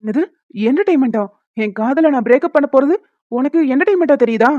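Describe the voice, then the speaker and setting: This is cartoon voice acting: a woman portrays a hot-tempered elder brother whose rant is indignant, fast and blustery. She uses a high-pitched voice with lively intonation, and the dull lo-fi recording is dry with no echo.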